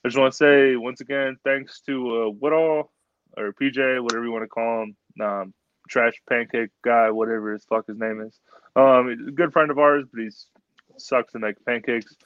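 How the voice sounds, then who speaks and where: A man's voice: medium pitch, steady tone, normal speed, clean tone, no echo. A man co-hosting a casual podcast, talking emphatically and repeating himself to drive his points home. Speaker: podcast co-host. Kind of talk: casual chat. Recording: dull, dry lo-fi sound.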